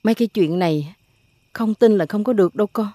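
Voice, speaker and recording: A woman's voice: medium pitch, quick pace, warm tone, no echo, studio quality, close to an everyday voice. An actress playing a worried, superstitious older mother with a Southern Vietnamese accent, talking in a fretful, pleading way. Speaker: family matriarch.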